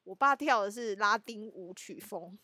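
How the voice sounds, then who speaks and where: With a crowd audible behind her, a podcast co-host with a Taiwanese Mandarin accent speaks in a mid-range voice at normal speed. Her casual chat is lively and full of laughter, and she plays out scenes from her family.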